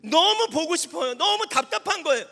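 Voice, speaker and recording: A male pastor preaches to a youth camp in an animated, lively way, his pitch swinging widely as he questions the crowd. His voice sits high and sounds very bright. It carries a long hall reverb, with faint instrumental music underneath. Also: a little fast, vocal fry. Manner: animated, questions the audience, rising to shouts.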